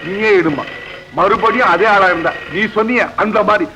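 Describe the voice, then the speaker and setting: A man's voice: high-pitched, normal speed, bright, forceful tone, slight background noise, rough recording. An older man playing a protective father who encourages his daughter, in a 1970s film scene. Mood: gruff.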